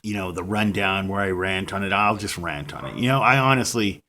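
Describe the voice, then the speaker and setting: A man's voice: low-pitched, brisk, sharp tone. A man casually ranting about a TV episode to his viewers, rambling and self-deprecating, with constant "you know"s and restarts. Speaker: vlogger reviewing a TV episode. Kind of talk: casual rant to camera.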